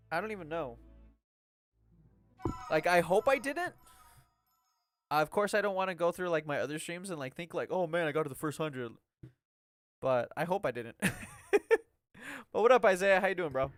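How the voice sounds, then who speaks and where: A man's voice: high-pitched, expressive, normal speed, long pauses, no echo, studio quality, soft background music. A young man casually chatting on a live game stream, rambling with lots of "like" and "um". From Mexican-American. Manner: rambling and chatty, full of "like" and "um", laughing often.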